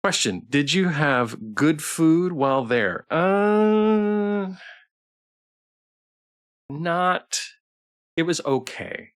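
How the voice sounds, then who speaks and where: This tired livestreamer plays a visual novel while chatting casually with viewers, rambling hesitantly with repeated phrases and restarts. His voice is a little high, animated, clear, and resonant. He draws out his words and leaves long pauses.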